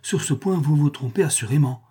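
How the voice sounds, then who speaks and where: A gentle, fretful emperor who begs and sighs, his voice lifted and soft, as a male reader acts him out. The tone stays mellow and slightly husky. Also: on the high side, a little fast, voice pushed up. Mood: pleading. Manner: soft, sighing, beseeching. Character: weak anxious emperor, gentle and pleading.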